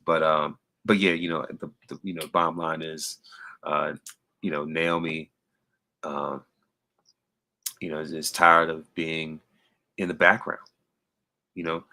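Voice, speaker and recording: A man's voice: rumbling low, vocal fry, sharp tone, rough recording. A man giving a casual, rambling wrestling recap, full of fillers and restarts. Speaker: wrestling commentator.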